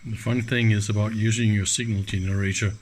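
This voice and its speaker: The host of an electronics teardown channel gives a casual, hands-on technical demonstration, informal and enthusiastic. His lowish voice stays level and brisk, though the audio quality is poor.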